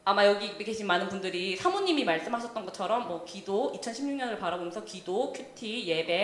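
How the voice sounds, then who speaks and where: A young adult woman leader preaching a sermon in a church, telling stories in an animated way and speaking directly to the congregation. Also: on the high side. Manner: animated storytelling, often laughing, addresses the congregation directly. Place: church sanctuary. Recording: echoey church hall.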